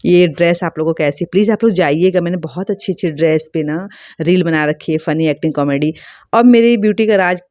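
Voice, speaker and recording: A woman's voice: fairly low pitch, a little fast, darkish tone, no echo, clean studio sound. A woman vlogger chatting casually and rambling with many fillers, recorded outdoors on a rooftop. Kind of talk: casual family vlog chat.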